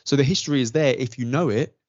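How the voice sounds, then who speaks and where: A man's voice: medium pitch, quick pace, a little mellow, no echo. Male podcast host, thoughtful and earnest, dry close sound, dull lo-fi audio. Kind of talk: casual interview chat.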